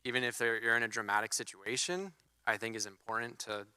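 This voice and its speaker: Male guest, bright and smooth voice, measured and thoughtful. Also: mid-range voice, steady tone, dry recording. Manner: thoughtful, halting. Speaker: panel guest. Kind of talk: casual panel chat.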